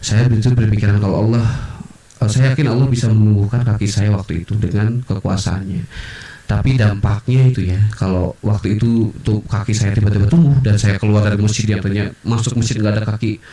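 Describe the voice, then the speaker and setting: A man as a podcast guest, telling personal stories in an animated way and acting out the voices of others. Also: fairly low pitch, fairly quick. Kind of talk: personal storytelling in a podcast interview. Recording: roomy, distant mic.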